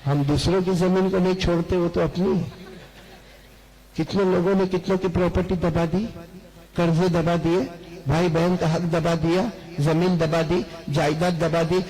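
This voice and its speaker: A man preaching a lively storytelling sermon to a large seated gathering, calling on the crowd to answer back. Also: sits high, normal speed, poor audio. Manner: calls on the crowd to answer back, repetitive and animated.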